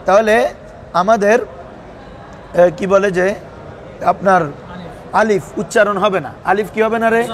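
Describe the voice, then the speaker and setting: A man teaching Arabic grammar to a class, constantly asking students questions and waiting for them to answer. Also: high-pitched. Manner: quizzes students with a recurring "what is it?" tag. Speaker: madrasa teacher. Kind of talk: classroom lesson with call-and-response questions.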